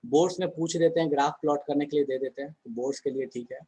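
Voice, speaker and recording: A man's voice: on the high side, fairly even intonation, fast, warm tone, husky, poor audio. A man teaching a chemistry class online in a conversational way, often asking the students questions and answering them himself.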